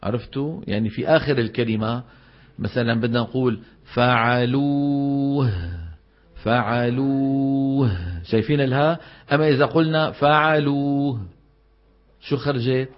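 A man teaching Quran recitation to a class, explaining in casual dialect and chanting example words slowly. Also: medium pitch, dull audio.

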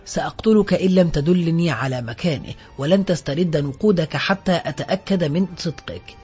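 A man voicing a hardened, vengeful male ex-convict who speaks in low, menacing threats, in a dull lo-fi recording with faint music behind. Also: animated, brisk, a little mellow, husky.

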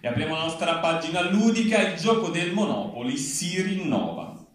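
A man with a fairly high pitch and lively intonation reads a satirical bulletin live at a normal pace. He delivers it like an emphatic newscaster, dropping into the punchlines. The sound comes from a very echoey, large venue at a reading event, distant with faint background noise.

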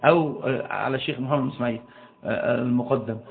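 A man's voice: medium pitch, creaky. A man giving a religious lecture, asking his listeners rhetorical questions and stalling often on repeated syllables. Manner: asks the audience rhetorical questions; frequent restarts and drawn-out hesitations. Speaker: Islamic lecturer. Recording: tinny phone-like audio.

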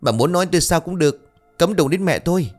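A man voicing a proud, stubborn eighteen-year-old village girl, high and pleading. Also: animated, a little fast, natural voice. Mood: defiant. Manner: high and pleading, breaking into defiance.

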